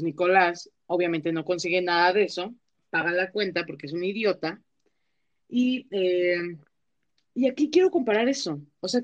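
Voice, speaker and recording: A woman's voice: medium pitch, muffled recording. A young woman with a Mexican accent, co-hosting a casual chat and telling stories in a slangy way, full of fillers. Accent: Mexican Spanish. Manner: chatty, slangy storytelling with many fillers. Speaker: podcast co-host.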